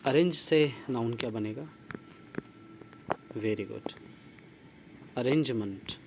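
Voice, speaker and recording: Slow, deliberate grammar teacher. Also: male voice, medium pitch, vocal fry. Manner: slow, deliberate, spells words out letter by letter; asks the class questions and praises answers. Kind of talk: online grammar lesson. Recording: steady insect and cricket noise behind.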